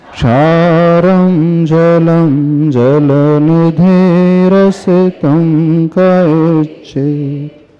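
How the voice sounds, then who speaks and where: A man, a Jain monk, delivering a devotional sermon, asking his listeners questions and chanting verses slowly. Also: on the high side, dark tone. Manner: slow, asks the audience questions. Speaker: Jain monk giving a discourse. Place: hall with listeners. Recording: reverberant hall, dull lo-fi sound.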